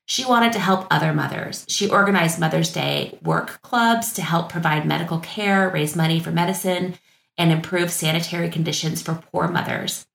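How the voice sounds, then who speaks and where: A woman's voice: lowish voice, vocal fry, a bit bright, reverberant, low-quality recording. A woman co-hosting a podcast, reading facts from her notes in a casual chat and laughing easily. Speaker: podcast co-host.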